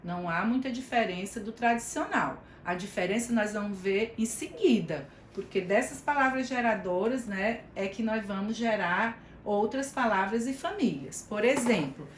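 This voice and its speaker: A Brazilian woman gives an online training lecture over a video call, explaining step by step and calling on listeners by name. Her voice sits at a mid pitch in a roomy, echoing space. A faint hum runs behind her. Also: normal speed, hardly any pauses. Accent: Brazilian Portuguese. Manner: warm explanatory, chatty asides, addresses listeners by name. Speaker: teacher trainer.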